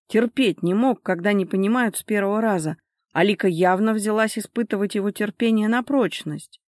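A woman's voice: medium pitch, moderate pace, darkish tone, no echo. Woman reading an audiobook, dry close sound. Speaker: narrator. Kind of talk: audiobook narration.

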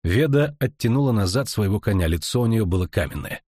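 A man narrating an audiobook in an expressive, dramatic storytelling manner. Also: fairly low pitch, fairly quick, no room sound, clean studio sound. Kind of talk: scripted narration.

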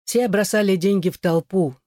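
A man narrates a novel in the first person, with a measured, solemn delivery. His voice sits somewhat high for a man. It is recorded close and dry, with no room sound. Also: a little mellow, no room sound. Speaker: audiobook reader.

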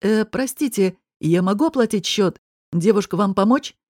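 A woman's voice: mid-range voice, normal speed, a little mellow, dry recording, studio quality, natural voice. A woman voicing a polite, hesitant male bar customer in an audiobook. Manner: courteous and hesitant.

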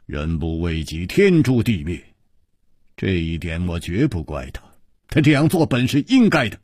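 A composed swordsman hero answers threats with a dry, unhurried calm, as a male storyteller plays him. The husky voice stays easy and wry. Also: deep voice, no echo, pitched below the performer's own voice, full character voice.

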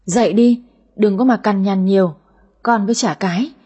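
A woman's voice: mid-range voice, normal speed, warm tone, husky, close to an everyday voice. A woman voicing a nagging, fussing middle-aged mother in an audio story. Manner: nagging, complaining.

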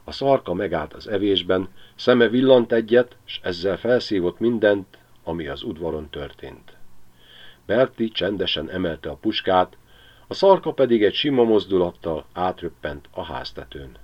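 A man narrating an audiobook with expressive storytelling. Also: sits low. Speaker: audiobook reader. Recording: slightly dull lo-fi recording.

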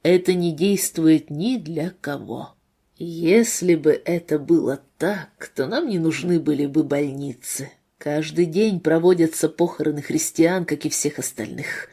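Woman reading as a bitter grown man, muffled and low, quiet and hushed, husky edge, audiobook figure. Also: a little slow, exaggerated voice.

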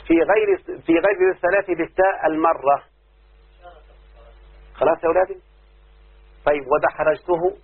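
A man with an Egyptian Arabic accent, a sheikh teaching grammar who keeps quizzing his students in a patient, repetitive call-and-response lesson, heard on a tinny low-fidelity recording. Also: husky.

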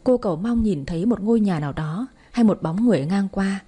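A woman narrates a story in a soft, even storytelling voice. Her tone is dark and mellow, with a husky edge. She keeps a steady audiobook pace. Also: medium pitch, fairly quick.

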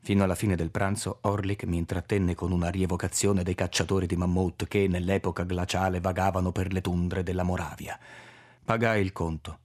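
A man narrating a literary audiobook in a measured, expressive reading. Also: sits low. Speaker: audiobook reader.

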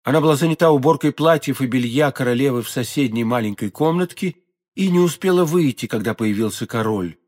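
A man narrating a classic novel as an audiobook in a measured, expressive storytelling manner. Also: mid-range voice.

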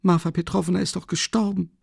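A man's voice: level tone, fairly quick, gravelly, darkish tone, breathy edge, no echo, studio quality, full character voice. Man reading a fretful anxious mother. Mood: fearful. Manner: flustered, exclaiming, high-pitched fretting. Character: anxious middle-aged mother, fretful and timid. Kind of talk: audiobook character reading.

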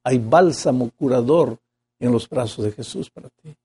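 A man's voice: mid-range voice, moderate pace, mellow, husky. A man giving a Bible lesson as an impassioned sermon, rising to emphatic peaks.

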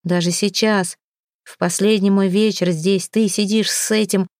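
A woman's voice: medium pitch, steady tone, unhurried, darkish tone, dry recording, clean studio sound, natural voice. A woman voicing Vilmund, a jealous young prince. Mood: scornful. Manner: irritated, scornful. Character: young man, a king's heir, jealous and hot-tempered.

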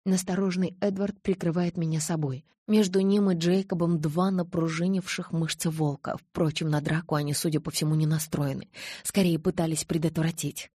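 A woman narrating a novel in the first person, expressive and lively. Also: sits low, moderate pace, slightly rough, no echo, studio quality. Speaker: audiobook narrator.

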